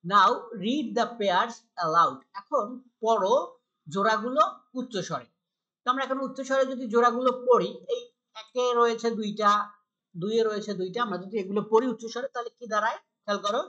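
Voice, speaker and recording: A woman with a Bangladeshi accent teaching a primary school English lesson, reading each English line slowly and then explaining it patiently, repeating words for practice. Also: a little high, fairly bright tone, lo-fi sound. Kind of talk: textbook lesson for young pupils.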